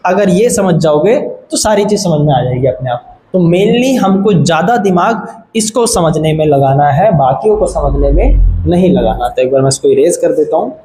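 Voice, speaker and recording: At a board, a man with a fairly high, dark-toned voice teaches shorthand at normal speed, sounding animated. He explains step by step and patiently checks that students follow, often saying "ठीक है," in an echoey room with faint background noise.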